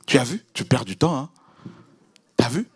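A man preaching a sermon, acting out prayers and exchanges with God, swinging from loud outbursts to hushed asides. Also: medium pitch, normal speed, breathy edge, no room sound. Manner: animated, acts out prayers and dialogues with God.

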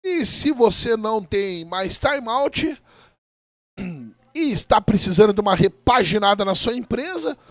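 Brazilian man, football play-by-play, very high pitch, shouted touchdown-style calls with stretched words, dry sound. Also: animated, a little slow, dry recording, soft background music. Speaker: American football play-by-play commentator. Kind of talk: excited live sports commentary with drawn-out big-play calls.

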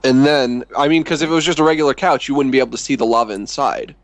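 Male comedy co-host, mid pitch, dry booth sound, skeptical and quick to laugh. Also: no room sound. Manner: skeptical questioning, often laughs. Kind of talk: improvised comedy chat.

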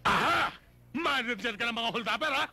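A man playing an eager, bumbling male police officer in a slapstick comedy, loud and excitable. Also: extremely high pitch, normal speed, husky, heavily acted.

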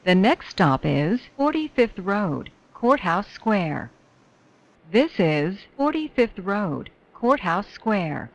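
A woman reading scripted train announcements in a measured, formulaic way. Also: medium pitch, sing-song, muffled recording, slight background noise. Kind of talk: scripted subway station announcements.

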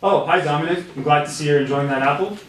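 A man's voice: a little high, quick pace, a little hiss or hum, close to an everyday voice. A man playing a strict, sarcastic teacher taking attendance in an amateur comedy skit. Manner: dry, sarcastic remarks. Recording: roomy echo, distant mic.

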